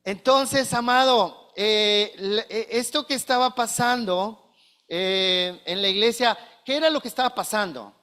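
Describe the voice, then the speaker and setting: Pastor, male, bright forceful tone, earnest preaching style. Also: high-pitched, measured pace. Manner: earnest, questioning, addresses listeners as brothers. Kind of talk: sermon.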